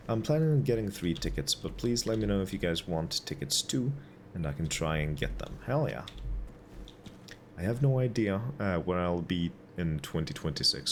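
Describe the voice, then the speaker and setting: A man's voice: deep voice, a little hiss or hum. A man streaming a game, chatting politely with viewers and thanking them, with a stuffy nose and a cough. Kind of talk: casual gaming commentary.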